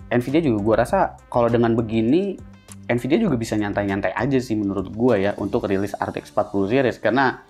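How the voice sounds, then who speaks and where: A man's voice: fairly low pitch, expressive, quick pace, darkish tone, soft background music. A man hosting a tech channel, chatting casually about hardware news in slangy, think-aloud talk.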